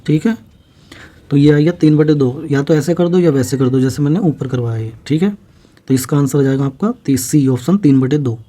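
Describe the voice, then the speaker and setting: Dark-voiced man teaching maths step by step. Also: on the high side. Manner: explains slowly, repeats steps, asks and answers own questions. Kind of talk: step-by-step exam-prep maths lesson.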